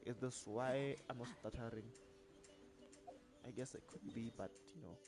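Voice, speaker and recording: A streamer chatting casually while gaming, relaxed, with a slight stutter. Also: medium pitch, normal speed. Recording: loud music playing behind. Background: music.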